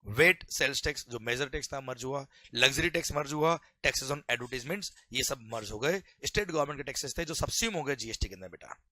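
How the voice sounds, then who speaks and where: A man with an Indian accent teaching a tax lecture to students, animated and jokey, mixing English terms into his talk and keeping check that they follow. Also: mid-range voice, a little fast, no echo. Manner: keeps asking "is it clear?". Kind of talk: classroom lecture.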